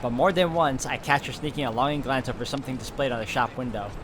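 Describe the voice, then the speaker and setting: A let's player reads a visual novel's narration aloud and throws in his own asides while game music plays behind him. His voice sits in the mid range and moves at a quick pace, with a noisy background.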